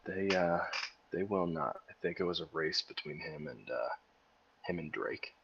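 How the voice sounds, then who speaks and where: A man's voice: low-pitched, expressive, normal speed, gravelly, dull audio, background noise. A tired-sounding man co-hosting a casual livestream, joking and sarcastic. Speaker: co-host.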